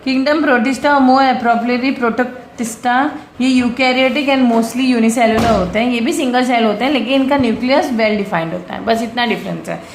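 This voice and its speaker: A woman's voice: on the high side, moderate pace, hardly any pauses. A young adult woman teaches a biology lesson, mixing in English terms, explaining step by step and often checking that students follow. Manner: has students repeat terms after her. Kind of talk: bilingual classroom lecture. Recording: echoey room with faint background noise.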